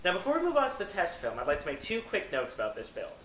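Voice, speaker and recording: A man's voice: high-pitched, huge pitch swings, quick pace, a bit bright, faint music behind, poor audio. A man hosting a how-to video tutorial, presenting step-by-step instructions.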